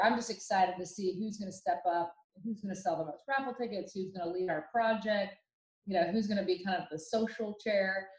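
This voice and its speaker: A woman from Ohio, USA, guests on a podcast and tells stories in a casual interview. Her medium-pitched voice is chatty and animated, with lots of fillers and restarts. The recording has a roomy echo.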